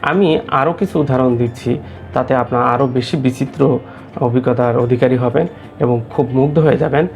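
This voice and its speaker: A man's voice: mid-range voice, steady tone, moderate pace, gravelly, dull audio, faint music behind. A man with a Bangladeshi accent teaching an English grammar lesson, explaining step by step with hesitant fillers. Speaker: English tutor.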